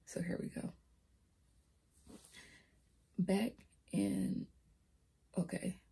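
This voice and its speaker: Speaking extremely slowly in a level tone, a young vlogger recounts her life story through her laptop's built-in mic. Her voice is low and raspy; she hesitates, trips over words, whispers soft asides, and cracks whenever she raises her voice.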